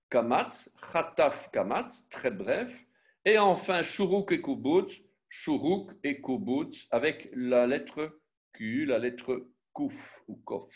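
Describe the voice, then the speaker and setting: A man, slightly high in pitch, teaching an online Biblical Hebrew class. He speaks very slowly, spelling sounds out letter by letter. He breaks off with fillers and corrects himself as he goes. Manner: slow, spells out syllables and letters one by one; self-correcting, with frequent fillers and restarts. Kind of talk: online class with screen sharing.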